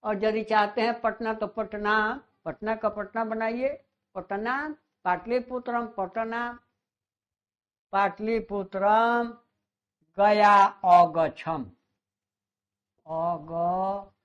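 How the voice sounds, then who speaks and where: A man teaching a grammar lesson, slowly repeating and drawing out words. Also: sits high, little pitch movement, clear, resonant tone. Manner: slow, repeats words and stretches them out. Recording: dull lo-fi sound.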